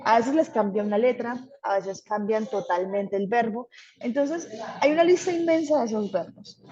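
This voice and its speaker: A fairly high, mellow female voice at a normal pace, recorded with dull audio. She's teaching an English grammar class online, patiently explaining and checking in with her students often.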